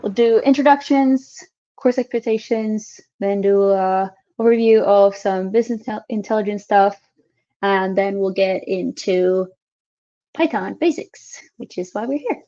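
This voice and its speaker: A woman in her late twenties, originally from Finland, talks through her class introduction in a relaxed, chatty way, full of ums and uhs. Her voice sits in an ordinary middle range. It comes through a computer mic on a video call, a little dull and muffled. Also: medium pitch, unhurried. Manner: friendly, chatty, with frequent filler sounds. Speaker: instructor.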